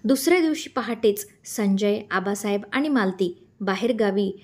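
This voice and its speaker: Brief: woman storyteller, expressive read, mid-pitched voice. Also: moderate pace. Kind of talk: storybook narration.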